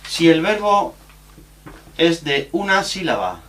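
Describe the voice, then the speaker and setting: Man, teacher, slow deliberate delivery, slightly higher voice, spells out examples. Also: sing-song, fairly bright tone. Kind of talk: recorded grammar lesson.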